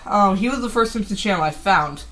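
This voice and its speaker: A teen boy, fifteen, gives a rambling, casual update on his toy collection for a vlog, with lots of ums, restarts and self-corrections. He speaks a little fast in a high-pitched, bright, forceful voice with lively intonation.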